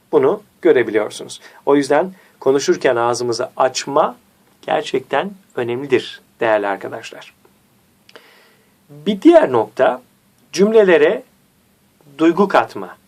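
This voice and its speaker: A man teaching a diction lesson, speaking didactically and repeating key points to his viewers. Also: a little mellow. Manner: varies pitch and slows for emphasis. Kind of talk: instructional video lesson.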